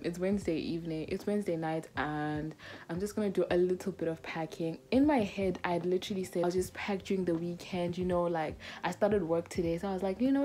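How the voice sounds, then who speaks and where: In a small bedroom, a university student in her twenties vlogs casually into a phone held at arm's length. Her voice sits on the low side with a dark tone, and she talks in an informal, emphatic way.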